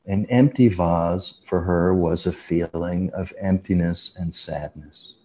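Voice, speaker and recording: A man speaks as a guest on a radio interview in a very deep voice. His tone is dark and mellow. He explains step by step in a measured way and lets his phrases fade out softly. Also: steady tone. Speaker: guest expert on dreams.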